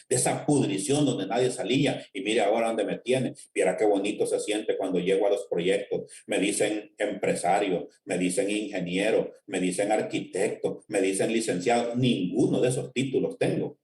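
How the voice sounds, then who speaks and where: A man with a Honduran accent preaches his testimony in a low voice, fervent and direct with his listeners. The sound is echoey and roomy. He is some distance from the mic, over a faint hiss. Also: darkish tone. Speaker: lay preacher giving testimony. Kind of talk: testimony sermon. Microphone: connected online.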